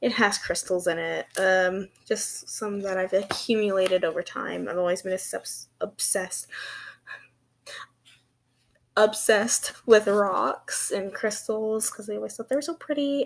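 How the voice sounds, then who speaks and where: A woman's voice: medium pitch, fairly even intonation, normal speed, vocal fry, few pauses. A young woman with a lisp that turns s slushy, like sh, chatting casually in a hesitant, giggly, self-deprecating way for a vlog. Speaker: vlogger. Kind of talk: casual rambling vlog chat.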